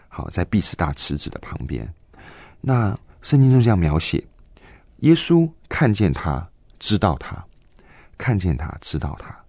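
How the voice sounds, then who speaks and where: A man in his twenties telling a personal faith story in an interview, earnest and halting, with many fillers and restarts. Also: low-pitched, a little mellow, no echo. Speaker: guest giving a faith testimony.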